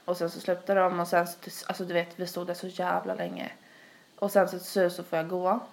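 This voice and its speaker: A woman's voice: on the low side, little pitch movement, vocal fry, darkish tone. A young woman, rambling through a long story in casual podcast chat, full of fillers. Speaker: podcast host.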